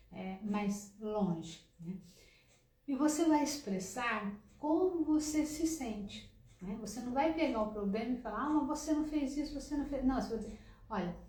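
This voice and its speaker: A woman's voice: fairly high pitch, a little mellow, roomy sound, rough recording. A woman with a Brazilian Portuguese accent giving relationship advice in a conversational way, often ending her points with a questioning tag. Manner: conversational, frequent "né?" tags. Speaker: relationship coach. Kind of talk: advice talk to camera.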